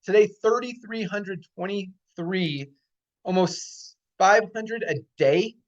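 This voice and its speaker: This man's voice is high and his pace slow, heard through lo-fi sound. He leads a company video call with a cheerful update, excitedly announcing numbers and saying them again to stress them.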